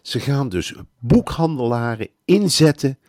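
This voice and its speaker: A man's voice: mid-range voice, animated, unhurried, a little mellow, no echo, studio quality. A man co-hosting a podcast in casual chat, sardonic and mocking. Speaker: podcast co-host.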